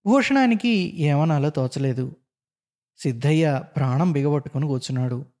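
A man narrating a story in an expressive, dramatic reading. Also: fairly high pitch, normal speed.

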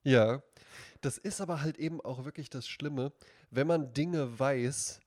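A man from central Hesse co-hosting a casual podcast chat, chatty and quick to laugh, explaining grammar rules at length. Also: mid-range voice, darkish tone, no echo, studio quality. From central Hesse, Germany. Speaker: podcast co-host.

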